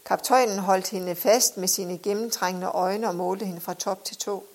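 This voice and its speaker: A woman narrating an audiobook in a measured, expressive reading style. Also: mid-range voice.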